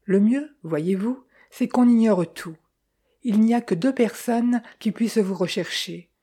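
A woman voicing a calm, decisive young fiancée who talks in a composed, gently persuasive way. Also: mid-range voice, unhurried, breathy edge, voice pushed up.

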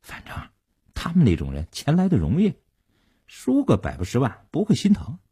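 A scheming male gambler leans in and speaks low and quick, half-breathed and husky, as a storyteller puts him on. The voice is hushed and conspiratorial, pitched as if near the card table. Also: wildly swooping pitch, no echo, studio quality, full character voice.

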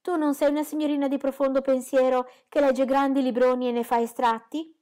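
A woman reading aloud, voicing a dry, ironic older gentleman who teases his wife. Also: high voice, flat delivery, a little fast, pitched above the performer's own voice, close to an everyday voice. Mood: wry.

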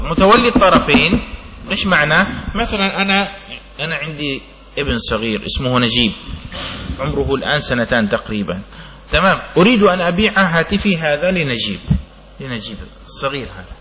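Male sheikh lecturer, bright higher voice, long hall echo, slow reading then explaining. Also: animated, a little hiss or hum. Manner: reads the text slowly, then explains with examples and asks "clear?". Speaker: sheikh teaching Islamic jurisprudence. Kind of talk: classroom lecture on a legal text.

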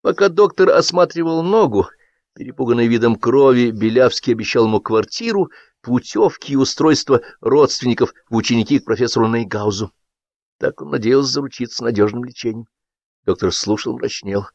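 A man narrating a satirical story in an expressive, lively reading. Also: mid-range voice, fairly quick, dry recording. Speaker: audiobook narrator. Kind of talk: scripted narration. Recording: dull dry audiobook recording.

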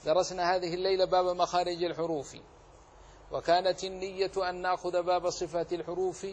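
Man teaching Quran recitation, slightly high voice. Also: little pitch movement, fast talker, a little hiss or hum. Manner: explains rules, then models the correct recitation. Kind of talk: tajweed lesson with recited examples.

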